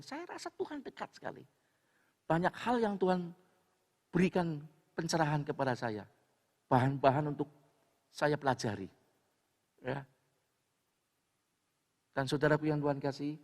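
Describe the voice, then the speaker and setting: Male pastor, Tegal Javanese accent, casual folksy sermon, long hall reverb. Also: a little high. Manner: folksy preaching, mixes Javanese, swings loud to soft. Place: church hall.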